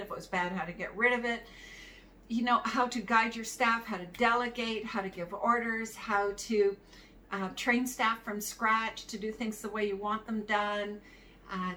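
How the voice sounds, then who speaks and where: A woman's voice: on the high side, a bit bright. A middle-aged woman talks through advice for running a practice, easy and conversational, chuckling now and then. She sits a little back from the mic. A faint hiss runs behind her voice. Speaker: practice management consultant. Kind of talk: solo advice talk to camera. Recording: somewhat distant mic with faint background noise.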